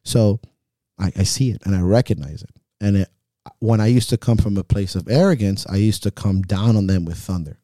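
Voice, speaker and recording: A man's voice: on the low side, brisk, dark tone, no echo, clean studio sound. A man hosting a podcast as a coach, talking in a frank, reflective way and swearing freely. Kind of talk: casual podcast chat.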